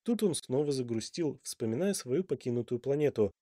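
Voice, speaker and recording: An audiobook narrator, male, reads a children's tale in a calm, measured storytelling style. The scripted narration is at medium pitch with studio-quality sound and no room echo.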